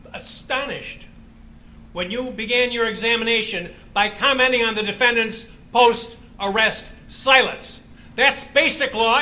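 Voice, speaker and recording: A man's voice: very high-pitched, sharp tone. A man serving as judge, speaking from the bench in a courtroom recording, stern and scolding, cutting in and stumbling over his words.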